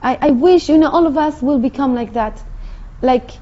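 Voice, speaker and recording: A woman with a Mexican Spanish accent, earnestly telling her personal testimony in halting speech with many restarts. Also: high-pitched, lo-fi sound. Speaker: convert sharing her testimony.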